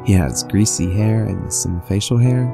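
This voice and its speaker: Over a music bed, a gravelly, low-voiced man reads creepy first-person horror stories from a script. He narrates at a normal speed in a conversational storytelling manner.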